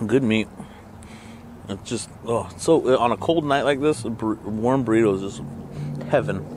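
Male food vlogger, mid-pitch, loose and rambling with jokey asides, faint traffic ambience. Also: normal speed. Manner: rambling, joking asides while eating. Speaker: burrito reviewer and channel host. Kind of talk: casual food review vlog.

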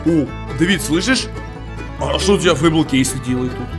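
Дразнящий молодой парень-стример. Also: male voice, a little high, normal speed, music in the background. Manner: mocking, playful, loud exclamations. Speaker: game streamer. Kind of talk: teasing prank call while playing. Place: home streaming room. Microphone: headset.

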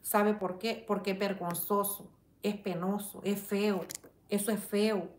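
A woman's voice: mid-range voice, little pitch movement, measured pace, reverberant, a little hiss or hum. A woman hosting a live chat, reading viewers' comments and indignantly defending herself, with religious phrasing. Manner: indignant, defends herself and addresses a rival directly; religious phrasing, prays for her audience. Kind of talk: casual live-stream chat.

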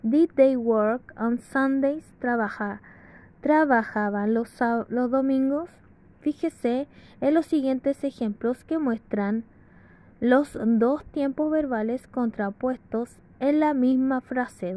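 A woman reading an English grammar lesson aloud from a textbook, slowly and carefully with pauses. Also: fairly high pitch, mellow. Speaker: English teacher. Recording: dull lo-fi sound.

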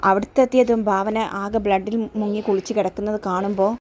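A woman's voice: medium pitch, level tone, a little fast, a little hiss or hum. A woman casually narrating a recap of a TV serial in a chatty way, tagging her sentences with a friendly particle.

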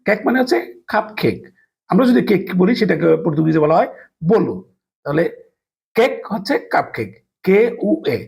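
A man teaching a language lesson, slowly spelling out letters and sounds with many hesitations. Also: sits high, creaky, a little mellow, slightly rough. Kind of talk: explanatory lesson.

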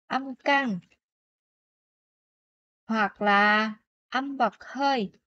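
A woman teacher explaining pronunciation rules in a language lesson, often checking in with her students with quick questions. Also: fairly high pitch, sharp tone, no echo, dull audio.

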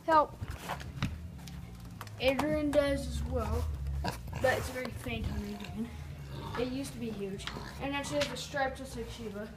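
A woman's voice: high-pitched, unhurried, long pauses, noisy background. A young girl talking casually through a cooking vlog, rambling and making it up as she goes, filmed on a handheld phone at home. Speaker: vlogger. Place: home kitchen and backyard. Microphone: handheld phone camera.

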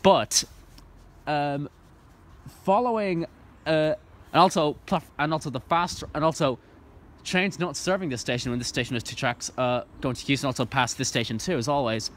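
With slight background noise behind him, a young Irish trainspotter speaks into his handheld phone camera on an outdoor platform. His voice is a little high and a bit bright at a moderate pace, and he rambles casually and keenly, often saying um and starting over.

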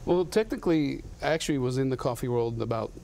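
Speaking fast with lively intonation, this coffee company founder has a warm, medium-pitched voice with vocal fry. He's a Latin American man in his thirties appearing as a TV studio interview guest, earnest on his lapel mic and frequently restarting, with a little background noise.

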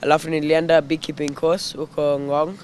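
A man's voice: fairly high pitch, little pitch movement, brisk. A fourteen-year-old boy, casually explaining beekeeping and mixing Swahili and English. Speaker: young beekeeper being interviewed. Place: outdoors in a leafy garden. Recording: outdoor field recording with clear background noise.

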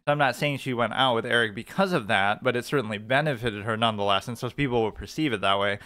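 Bright, clear-voiced man giving critical commentary. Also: mid-range voice, fast. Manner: critical, argumentative. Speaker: reaction commentator. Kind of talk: opinionated off-the-cuff video commentary.

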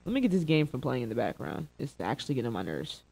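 A young man with a medium-pitched, slightly mellow voice full of vocal fry speaks fast in a sing-song way. He's doing casual reaction commentary on stream, bantering playfully with chat in slangy speech, with faint music in his indoor setup.

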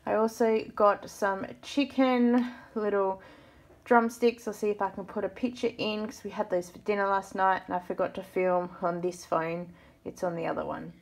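A vlogger holds her phone camera while filming supermarket aisles, and later at home, chatting casually about the shelves and pointing out bargains with an occasional easy laugh. She comes across as chatty and thrifty, with a creaky, mid-range voice, fairly even intonation, and a moderate pace.

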